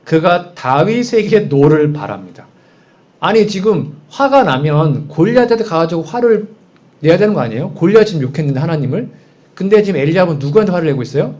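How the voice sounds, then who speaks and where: A man's voice: a little high, expressive, quick pace, darkish tone. A man preaching a sermon in a conversational way, posing frequent rhetorical questions to the congregation. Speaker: pastor. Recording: dull, muffled sound.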